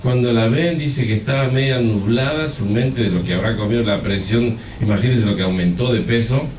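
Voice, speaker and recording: A man's voice: mid-range voice, a little fast, a little mellow, slight background noise. A man pastor preaching a sermon, telling a story with animation and speaking straight to the congregation. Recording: echoey hall, far from the mic.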